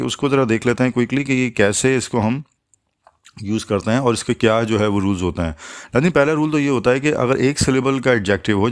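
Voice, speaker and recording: A man with a mid-range voice teaches English grammar, explaining patiently one step at a time. He slows down to spell out every English example.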